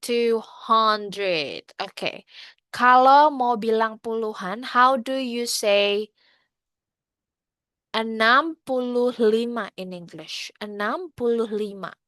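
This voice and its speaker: A woman with an Indonesian accent leads an online English class, taking her time as she drills each number and asks students to answer in the chat. Her voice sits a little high and sounds dry and close. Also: very slow, fairly bright tone, smooth, dry recording. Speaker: English teacher.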